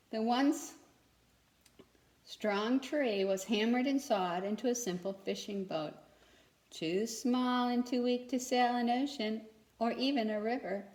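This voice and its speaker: A woman reads a children's story aloud with expression, pausing now and then to check in with her young listeners through questions. Her voice is on the high side with a darkish tone, and the room sounds echoey.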